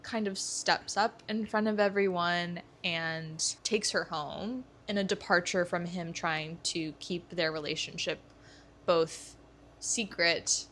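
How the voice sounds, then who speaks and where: A woman's voice: on the low side, steady tone, slow, fairly bright tone, slight background noise. Eager young woman chatting about a book. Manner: eager, thinks aloud with restarts. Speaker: podcast co-host. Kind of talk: casual book discussion.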